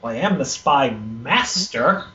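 A man's voice: medium pitch, very animated, slow pace, bright, forceful tone, heavily acted. A man voicing a tiny, whimsical, boastful male fairy spymaster in a tabletop roleplaying game. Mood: intrigued. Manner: self-important, whimsical. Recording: roomy, noisy, muffled tabletop recording.

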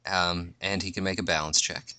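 A man acting as game master, narrating a tabletop game casually and haltingly, often repeating his phrases. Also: deep voice, steady tone, pushed and bright, clear, resonant tone, no echo.

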